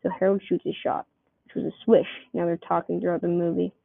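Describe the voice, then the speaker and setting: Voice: medium pitch, level tone, fairly quick, gravelly, no echo. A person reading a homemade comic story aloud, keeping the characters' voices close to their own. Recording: tinny phone-like dry recording.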